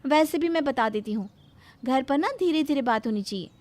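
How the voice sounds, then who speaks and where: A woman voicing a feisty young bride who hides huge ears, cheeky and quick to snap back. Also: sits high, animated, darkish tone, voice pushed up. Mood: defiant.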